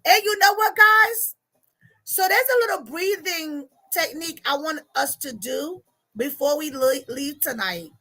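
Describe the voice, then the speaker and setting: A woman, hosting a casual livestream as a life coach, chatty and animated with frequent laughter. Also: sits high, unhurried. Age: 40s. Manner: animated, laughing, chatty, reads comments aloud.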